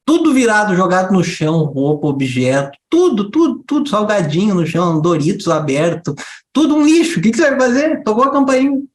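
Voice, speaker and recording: A man with a high voice gives an animated spiritual talk to a group. He asks rhetorical questions and jumps into quick little impressions of a child and its mother as he explains. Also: reverberant. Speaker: spiritual teacher.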